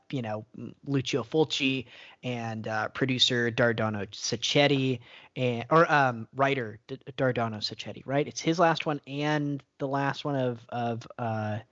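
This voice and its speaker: A man in a mid-pitched voice, musing on a casual movie podcast. He rambles a little and fills his pauses with ums. The sound is muffled and lo-fi. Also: a bit bright. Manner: thoughtful, rambling with fillers. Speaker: podcast co-host. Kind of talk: casual film review chat. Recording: dull lo-fi podcast audio.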